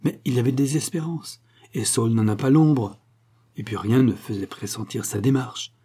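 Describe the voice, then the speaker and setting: A man's voice: medium pitch, normal speed, mellow, slightly rough, close to an everyday voice. A man voicing a stiff, cold older rector, close to his own voice. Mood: indignant.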